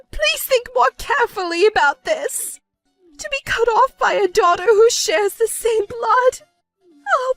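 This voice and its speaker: This is a selfish middle-aged stepmother voiced by a woman, her voice high and shrill with wide, wailing swings. She whines and manipulates in a dramatized story. The sound is dry and close, with faint music underneath. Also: fairly bright tone, no echo, heavily acted.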